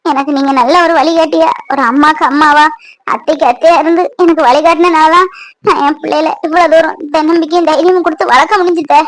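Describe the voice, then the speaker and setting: A woman's voice: high-pitched, fairly even intonation, quick pace, no echo, natural voice, poor audio. Woman voicing a tearful grateful mother. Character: grateful middle-aged widowed mother, emotional. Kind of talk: Tamil cartoon voice acting.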